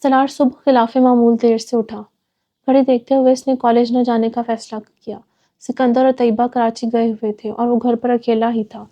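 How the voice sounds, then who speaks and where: A woman storyteller reading a novel aloud in even, steady narration. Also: a little high, lo-fi sound.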